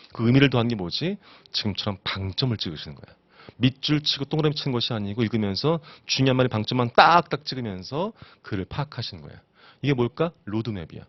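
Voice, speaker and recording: Animated male exam-prep lecturer. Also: mid-range voice, dry recording, muffled recording. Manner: animated, asks students rhetorical questions. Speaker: instructor.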